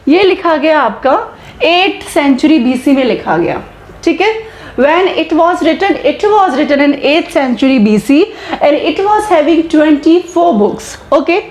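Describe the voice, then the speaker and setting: A woman teacher giving an exam-prep lecture, switching between Hindi and English, slowing down for English terms and often checking in with "okay" and quiz questions. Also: high voice, animated, darkish tone, echoey room. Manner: mixes Hindi and English, slow deliberate English phrases.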